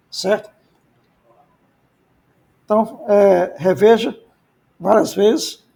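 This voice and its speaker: A man's voice: high-pitched, gravelly, mellow. A man, a pastor teaching biblical Hebrew in a lecture, repeating key points and answering his own questions. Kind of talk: classroom lecture.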